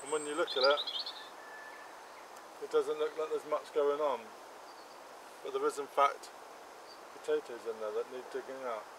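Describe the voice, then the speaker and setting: A man's voice: mid-range voice, steady tone, normal speed, pauses often, background noise. A man in his fifties giving a casual walk-around of his allotment and polytunnel, chatting plainly as he crouches by the beds. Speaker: allotment gardening channel host. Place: outdoor allotment garden and polytunnel. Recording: faint outdoor ambience with insects.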